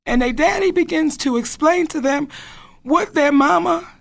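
A woman's voice: sits high, moderate pace, vocal fry. A woman speaking passionately and bluntly to an audience about standing by her husband. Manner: bold, outspoken, emphatic, profane. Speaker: wife speaking on a panel. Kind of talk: passionate spoken address.

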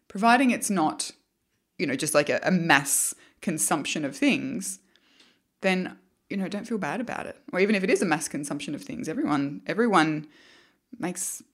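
A woman talks as a podcast host in a casual, chatty way. Her voice sits low for a woman. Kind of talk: casual chat.

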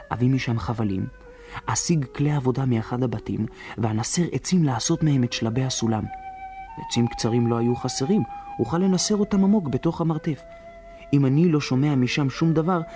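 A man's voice: medium pitch, dark tone, natural voice. A man playing Alex, a resourceful hiding boy. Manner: reflective inner monologue, planning aloud. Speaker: first-person narrator. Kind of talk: radio drama narration.

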